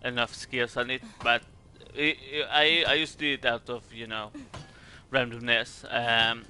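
A man's voice: mid-range voice, level tone, measured pace, pushed and bright, clean tone. A man from Sweden with a Swedish accent gives casual game commentary in a hesitant, rambling way, repeating words as he goes. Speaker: gaming video creator.

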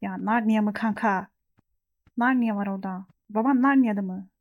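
A woman's voice: mid-range voice, moderate pace, no echo, narrow, tinny audio. A young woman hosting a casual let's-play, reacting to the game, joking and swearing freely. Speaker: gaming channel host.

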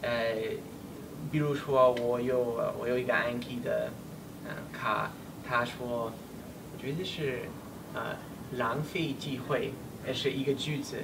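A man in his twenties, a foreigner speaking non-native Mandarin with a foreign accent in casual conversation, halting and searching for words. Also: medium pitch, steady tone, vocal fry. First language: not Mandarin. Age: 20s. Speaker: learner of Chinese. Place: small indoor room, seated on a sofa. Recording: distant mic, noisy room ambience.

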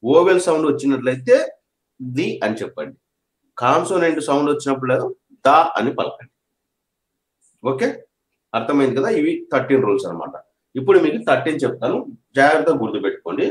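A man's voice: medium pitch, lively intonation, fairly quick, pauses often. A man teaching an English grammar lesson, repeating each point and checking that his students understand. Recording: echoey room.

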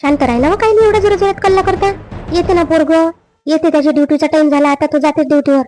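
A woman playing a greedy, scheming young wife in a family drama skit, with a quick, complaining manner. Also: high-pitched, steady tone, warm tone, faint music behind, close to an everyday voice. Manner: quick, complaining, rising whine. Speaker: daughter-in-law.

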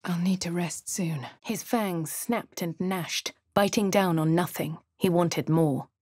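This dry recording features a woman with a lowish, darkish voice taking her time. She voices the player character, a posh female adventurer in a fantasy game, narrating and commenting with refined, composed dryness. Her diction is crisp, upper-class English.

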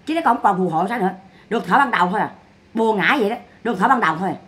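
A woman's voice: medium pitch, animated, very fast, a bit bright. A woman giving mocking, scolding gossip commentary. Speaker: online commentator.

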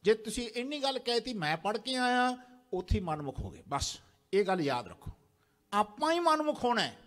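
A man's voice: sits high, big pitch swings, normal speed, fairly bright tone. A man preaching a sermon in a large temple prayer hall, exhorting the congregation and having them repeat lines after him. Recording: long hall reverb.

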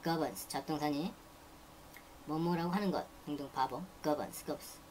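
Brisk vocabulary teacher, woman with a deep speaking voice, repeats each word, faint noise underneath. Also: darkish tone. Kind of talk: reading dictionary entries aloud.

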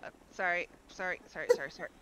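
A co-op player bantering playfully during a cooking game, tossing out jokes and quick remarks. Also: medium pitch, sharp tone. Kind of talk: casual gameplay chat. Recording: noisy gameplay recording.

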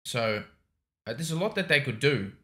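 Young man, bright forceful voice. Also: mid-range voice, expressive, moderate pace. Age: young adult. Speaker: reaction video host. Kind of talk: casual chat commentary. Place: small indoor home studio. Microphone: microphone on a desk boom arm.

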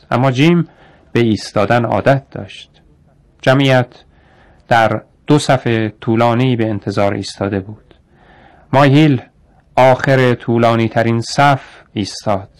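A man narrating a radio story in a measured way, slowing down on descriptive phrases. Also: mid-range voice.

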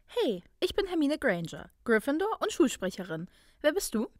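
A woman voicing a clever, self-assured young witch student, brisk and bright. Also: sits high, very animated, no echo, studio quality, pitched above the performer's own voice. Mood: friendly.

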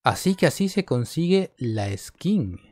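Animated male gamer narrating his play. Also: a little high, unhurried, dry recording. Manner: animated, talks to the game character and viewers. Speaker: gaming video creator. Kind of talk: casual let's-play commentary.

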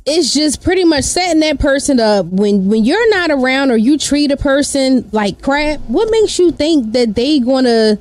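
A woman's voice: sits high, lively intonation, normal speed, few pauses, darkish tone, no room sound. A woman in her thirties or forties co-hosting a podcast in casual, conversational talk, emphatic and repeating herself to make a point, close on the mic. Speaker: podcast co-host. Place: small home podcast studio. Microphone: close microphone on a boom arm.

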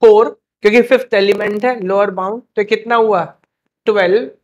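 A young man teaching a live class, quizzing students with quick questions and scolding them playfully to keep them motivated. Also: high voice, steady tone.

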